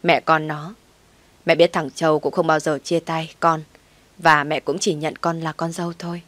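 A woman's voice: sits low, flat delivery, moderate pace, no room sound. Woman reading as a pleading old mother-in-law. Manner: pleading, soft-spoken.

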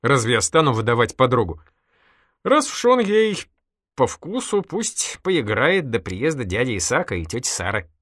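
A man's voice: medium pitch, big pitch swings, normal speed, fairly bright tone, no echo, studio quality. A man voicing a mischievous, giggly young woman in an audiobook, teasing and exclamatory. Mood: playful. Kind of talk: audiobook character voice.

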